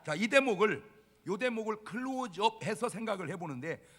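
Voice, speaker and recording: A male pastor delivers an emphatic, dramatic sermon, his high voice swinging widely in pitch. His tone is husky, and a long reverb trails each phrase through the large church sanctuary. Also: lively intonation, moderate pace, a bit bright. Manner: emphatic, dramatic, rhetorical questions.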